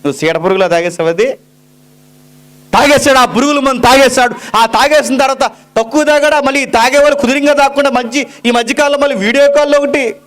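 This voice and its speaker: Male preacher, higher voice, fervent dramatic sermon delivery. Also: fast talker, a bit bright. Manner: impassioned, dramatic, quotes sufferers in a low pleading voice. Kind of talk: Telugu sermon.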